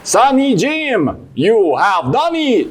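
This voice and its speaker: A man's voice: sits high, huge pitch swings, slow pace, exaggerated voice. A man voicing a self-important sailor adventurer in a theatrical puppet show, grandly speaking of himself in the third person. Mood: grateful. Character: dramatic adult male sailor adventurer puppet, self-important, prone to despair.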